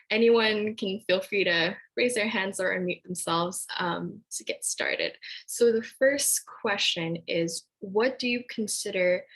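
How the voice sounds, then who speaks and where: A woman's voice: mid-range voice, fairly bright tone, husky, rough recording. A woman moderating an online panel webinar over a video call, friendly and laughing between phrases.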